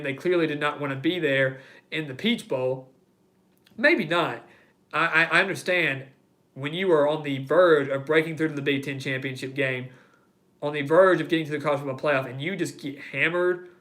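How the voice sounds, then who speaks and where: A man's voice: on the high side, sharp tone. A man hosting a live sports talk stream, reading viewer comments and ranting heatedly, repeating phrases for emphasis. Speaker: host of a live sports show.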